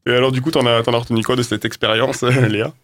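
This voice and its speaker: A man's voice: medium pitch, fairly even intonation, fast talker, fairly bright tone, soft background music. A man hosting a radio show, bantering and joking with his co-hosts. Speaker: radio host.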